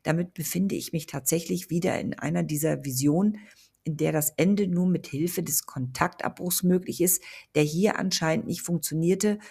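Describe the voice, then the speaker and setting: A woman narrating a story in the first person with calm, steady storytelling. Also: lowish voice, moderate pace, vocal fry, breathy edge. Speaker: audiobook narrator.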